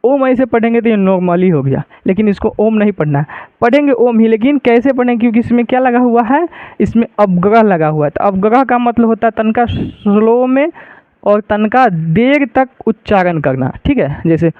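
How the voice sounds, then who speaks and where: A patient male Sanskrit teacher, walking through reading rules and repeating each point. His voice sits high and sounds clear, though it comes over a narrow, phone-like line in a dry space. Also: animated, moderate pace, no echo. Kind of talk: online lesson explaining reading rules.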